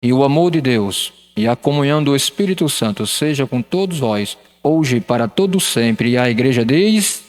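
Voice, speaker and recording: A man, a pastor loudly and solemnly pronouncing the closing blessing. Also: mid-range voice, expressive, moderate pace. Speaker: pastor giving the benediction. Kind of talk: liturgical blessing. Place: church hall. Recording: distant from mic in reverberant hall.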